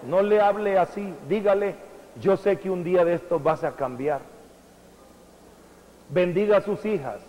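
A high-pitched male preacher delivers his sermon slowly and deliberately, often leaping up in pitch and volume for emphasis. He keeps asking his listeners direct questions. His voice rings out in a hall with a long echo. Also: highs cut off, slight background noise. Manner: emphatic, with sudden rises in pitch and loudness; addresses the congregation directly with questions.

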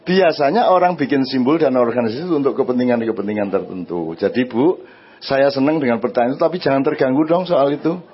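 A man with an East Javanese accent speaking to an audience. He answers their questions in a lively, conversational way and often asks them "right?". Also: medium pitch, fast talker, husky, dull audio. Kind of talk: religious and social talk before an audience.

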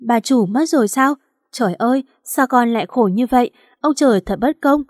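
A woman's voice: on the high side, moderate pace, a little mellow, no echo, clean studio sound, close to an everyday voice. A woman voicing a motherly older female housemaid who fusses with emotional questions, in a storybook reading. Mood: tearful.

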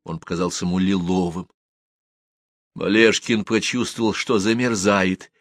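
An audiobook narrator, a man with a low-pitched voice, reads aloud in a measured, expressive storytelling manner. The recording is studio quality with no echo.

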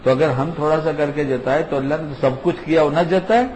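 A man's voice: a little high, darkish tone, a little hiss or hum, low-quality recording. An older man, a grandfather, giving an informal religious talk in an emphatic, conversational way and repeating his key points. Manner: repetitive, emphatic, conversational teaching. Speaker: religious speaker.

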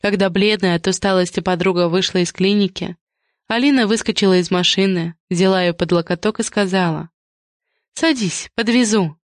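A woman with a fairly low voice narrates an audiobook from a script in a measured, even storytelling style. The recording is studio quality with no room sound.

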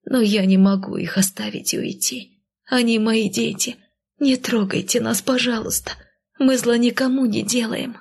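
A woman's voice: fairly high pitch, steady tone, moderate pace, vocal fry, slightly rough, pitched above the performer's own voice. A woman doing a frightened undead mother, whispery. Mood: beseeching. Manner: soft, whispered and beseeching.

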